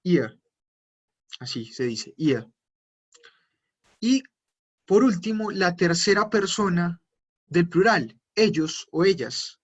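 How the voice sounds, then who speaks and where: A man teaching an online language class, patiently repeating words slowly for his students. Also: high voice, sing-song, breathy edge, muffled recording. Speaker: German teacher.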